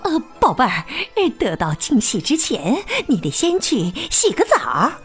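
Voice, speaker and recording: A woman voicing a clever young male sheep in a children's storybook, putting on a low, motherly voice to bargain. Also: wildly swooping pitch, a little slow, soft background music. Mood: mock-motherly. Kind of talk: storybook read-aloud.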